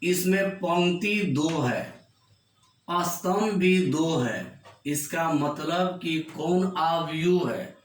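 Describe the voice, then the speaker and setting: A man from Bihar teaching a maths lesson in Hindi, explaining slowly and repeating each step for his students. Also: on the high side, expressive. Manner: slow, repetitive explaining, calls students "babu". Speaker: mathematics teacher. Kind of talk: classroom maths lecture. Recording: echoey room.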